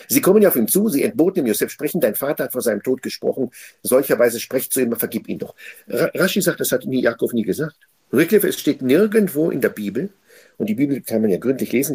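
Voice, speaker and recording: Male Torah teacher, husky and mellow, emphatic delivery with repeated phrases and scripture quoted aloud. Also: mid-range voice. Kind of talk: weekly Torah portion commentary.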